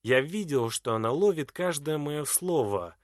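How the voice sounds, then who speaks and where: A man giving an expressive, dramatic first-person reading of a literary novel. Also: a little high, measured pace, no room sound, studio quality. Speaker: audiobook reader.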